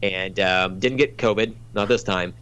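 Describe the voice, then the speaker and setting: A man's voice: low-pitched, steady tone, unhurried, fairly bright tone, clear, resonant tone. Rambling man from Oklahoma, dull sound. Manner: rambling, many filler words and restarts. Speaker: podcast guest and fellow podcaster. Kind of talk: casual podcast chat.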